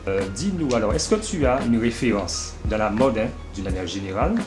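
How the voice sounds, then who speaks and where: Low-voiced male interviewer. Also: expressive, a little fast, over music. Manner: friendly prompting, tags questions with "hein". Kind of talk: casual interview.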